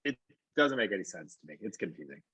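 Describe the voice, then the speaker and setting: A man's voice: sits low, very animated, quick pace, sharp tone, breathy edge, dry recording, poor audio. A man guesting on a podcast, ranting in an exasperated, casual way, packed with "like" and "dude". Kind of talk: casual chat.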